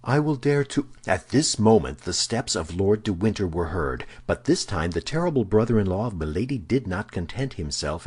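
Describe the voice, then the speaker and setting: A man narrating a classic novel as an audiobook, with measured dramatic emphasis. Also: deep voice, darkish tone, husky. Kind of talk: scripted narration.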